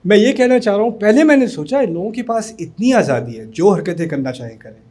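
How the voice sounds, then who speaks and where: A man's voice: high-pitched, expressive, darkish tone. A middle-aged man from Pakistan giving a conversational motivational talk to university students, telling stories and mixing in English words. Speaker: speaker addressing university students.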